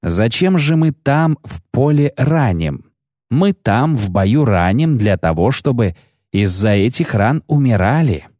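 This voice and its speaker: A man voicing a cold, menacing male elf who speaks slowly, drawing out his words ominously. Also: medium pitch, lively intonation, a little mellow, dry recording, studio quality, natural voice.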